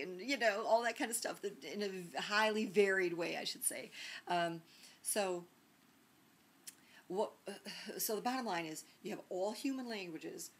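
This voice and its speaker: Chatty woman lecturing, lowish voice. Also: a little hiss or hum. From Northern United States. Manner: conversational, frequent "right?" and "um" fillers. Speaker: teacher. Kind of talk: recorded sociolinguistics lecture.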